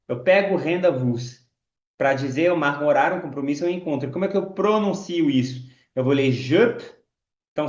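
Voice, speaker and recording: A French man teaching pronunciation, saying model phrases slowly and repeating them as drills. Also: fairly high pitch, echoey room, highs cut off. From France. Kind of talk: pronunciation lesson.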